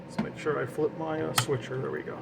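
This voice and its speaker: Talking fast in a voice on the high side, this man demonstrates his radio gear informally, narrating and half-muttering to himself as he goes. Steady fan and equipment noise is clearly audible behind him.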